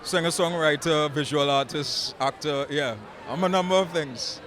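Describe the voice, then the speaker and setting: A man, an actor talking in a relaxed, musing way at a red carpet interview. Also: fairly high pitch, normal speed, a little hiss or hum. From Trinidad. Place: outdoor red carpet event. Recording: crowd chatter behind.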